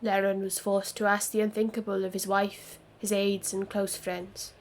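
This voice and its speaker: Woman, mid-pitched voice, streamer, reads game story text aloud, earnest with jokes in between. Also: level tone, normal speed. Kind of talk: reading game dialogue aloud.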